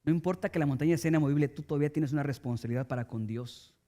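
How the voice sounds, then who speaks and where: A man's voice: a little high, rapid-fire, mellow. A male pastor preaching a sermon with emphasis, speaking straight to his congregation. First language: Spanish.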